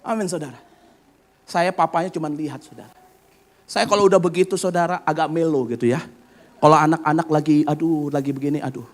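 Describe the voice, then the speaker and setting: A middle-aged male pastor delivering a sermon with a fairly high voice. He swings between ringing, raised exclamations and quiet, confiding asides. He keeps turning to the congregation for an amen. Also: brisk. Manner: preaching with wide swings from loud, high exclamations to hushed asides; addresses the congregation often, calling for amens.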